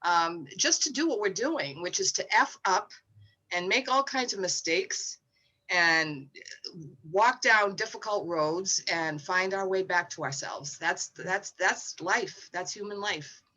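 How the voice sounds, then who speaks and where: Frank bright-voiced woman in her sixties. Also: fairly low pitch, slow pace, poor audio. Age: 60s. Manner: frank, reflective, spiritual turns of phrase. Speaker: co-host. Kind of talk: casual chat.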